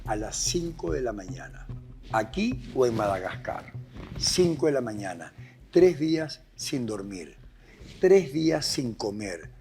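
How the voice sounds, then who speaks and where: A man's voice: mid-range voice, sing-song, measured pace, a little mellow, soft background music. A man with a Venezuelan accent, a guest addiction expert speaking with passion and repeating phrases for emphasis. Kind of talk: emphatic testimony and explanation.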